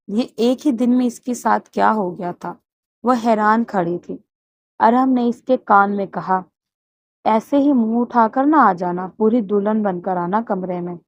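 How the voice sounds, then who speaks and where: A woman narrating a romance novel aloud at a steady storytelling pace. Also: mid-range voice. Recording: dull muffled recording.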